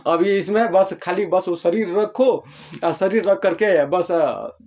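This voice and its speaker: A man's voice: high voice, measured pace, a little mellow. Repetitive, chatty man explaining spirituality. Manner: repetitive, explains with homely examples, acts out little dialogues. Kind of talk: casual spiritual talk.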